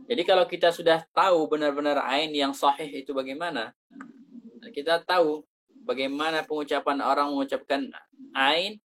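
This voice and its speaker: A man's voice: fairly high pitch, steady tone, a bit bright. Man teaching Quran pronunciation. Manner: explains slowly, demonstrating Arabic sounds then translating into Indonesian. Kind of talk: teaching Arabic letter pronunciation.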